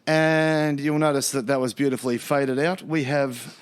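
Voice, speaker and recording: A man's voice: medium pitch, fairly even intonation, moderate pace, noisy background. A man with an Australian accent hosting a jokey, casual podcast as quizmaster, announcing things in a mock-formal way.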